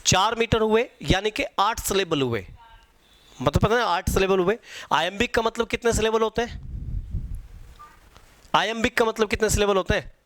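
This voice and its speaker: A man's voice: high-pitched, normal speed, pauses often, a bit bright, no echo. A man teaching an exam-prep lecture. He repeats key points and quizzes his students.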